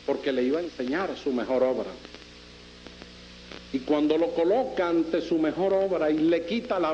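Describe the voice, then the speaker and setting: A man with a Venezuelan Caribbean Spanish accent giving formal political oratory in deliberate, rhetorical phrases with emphatic repetition. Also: a little high, a little mellow, muffled recording, slight background noise. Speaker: political speaker presenting a constitutional proposal.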